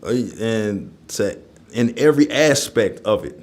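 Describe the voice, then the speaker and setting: A man's voice: fairly low pitch, lively intonation, a little slow, a little mellow. A man talking candidly in an interview, emphatic and plain-spoken, often checking that his listener follows. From North Nashville, Tennessee, USA. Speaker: interview guest, community member.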